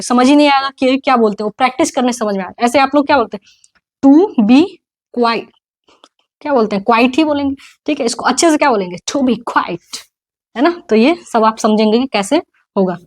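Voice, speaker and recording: Indian woman teaching English grammar. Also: high voice. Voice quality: slow, drawn-out pronunciation drills. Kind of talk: online grammar class.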